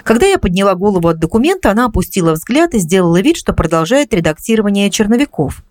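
A woman reading a first-person story aloud as an audiobook in a confessional, calmly explaining way. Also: mid-range voice, fast talker, no echo, clean studio sound. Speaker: audiobook narrator.

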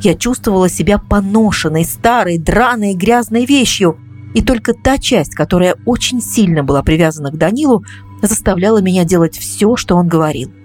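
A woman reading a first-person story aloud as an audiobook in a confessional, calmly explaining way. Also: mid-range voice, normal speed, faint music behind. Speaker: audiobook narrator.

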